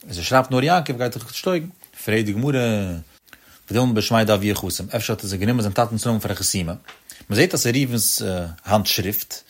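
A man's voice: medium pitch, breathy edge. Man lecturing in a lilting sing-song. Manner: addresses listeners directly as friends. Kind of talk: explanatory religious lecture.

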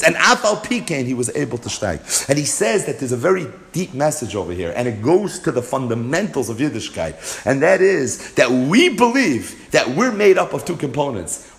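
A man teaching a Torah class, mixing Hebrew and Yiddish terms into his English and driving points home with rhetorical questions. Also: fairly high pitch.

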